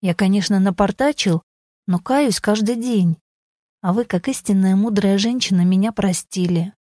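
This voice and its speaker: A woman's voice: medium pitch, normal speed, mellow, no echo, studio quality, lightly acted. A woman reading the part of a grey-haired older man who grumbles but pleads and apologizes, in an audiobook story. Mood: pleading.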